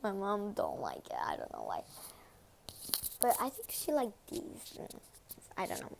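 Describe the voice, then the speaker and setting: Slow-talking woman doing an eating vlog. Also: medium pitch, wildly swooping pitch, creaky, background noise. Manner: chatty, giggly, swings between whispers and loud reactions. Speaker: vlogger. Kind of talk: casual ASMR eating vlog. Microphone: phone.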